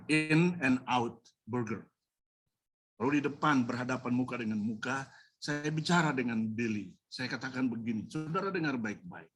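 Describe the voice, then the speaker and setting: A man's voice: medium pitch, fairly bright tone. A pastor preaching a sermon, telling a personal story emotionally, speaking straight to the congregation and slipping English phrases into his talk. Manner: slips English words and phrases into his speech.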